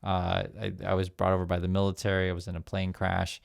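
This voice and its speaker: A gravelly, fairly low-pitched man in his fifties, born in Vietnam and raised in the USA. He gives a loose, chatty news commentary, reading articles aloud and breaking off to comment, with plenty of "uh"s and restarts. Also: monotone, quick pace. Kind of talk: casual news commentary vlog.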